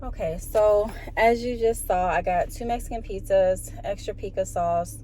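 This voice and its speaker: A woman's voice: mid-range voice, normal speed, mellow. Casual woman vlogger in a noisy car. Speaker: vlogger ordering and presenting fast food. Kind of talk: casual vlog chat. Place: inside a car at a drive-through and parking lot. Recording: clear car and vehicle noise. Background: car and vehicle sounds.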